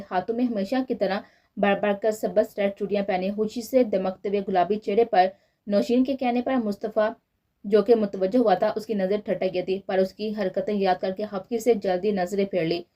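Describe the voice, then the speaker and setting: A woman narrating a romance novel in a steady storytelling manner. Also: mid-range voice, a little fast. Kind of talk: novel reading.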